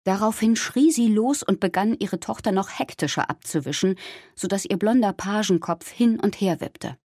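A woman with a husky voice reading a first-person story aloud in a lively way. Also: medium pitch, normal speed, no room sound, studio quality. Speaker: narrator. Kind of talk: audiobook narration.

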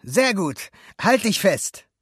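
A man's voice: a little high, very animated, slow pace, dry recording, clean studio sound, pitched above the performer's own voice, heavily acted. Alberto, a man voicing a brash bossy boy. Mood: bossy, eager. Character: cocky bold adventurous boy. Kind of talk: storybook reading.

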